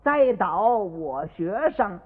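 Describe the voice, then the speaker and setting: A man voicing a cheeky, clever young schoolboy who answers softly and slowly, as if innocent, heard on an old radio recording with long reverb. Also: sits high, sing-song, narrow, tinny audio, heavily acted. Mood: sly innocent. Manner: soft, slow, innocent-sounding replies. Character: cheeky clever schoolboy poet, sly and mild.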